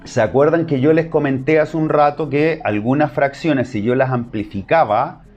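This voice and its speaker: A man's voice: medium pitch, moderate pace, a little mellow, muffled recording, soft background music. A man with a Chilean accent teaching an online math class, explaining step by step and checking in with short questions.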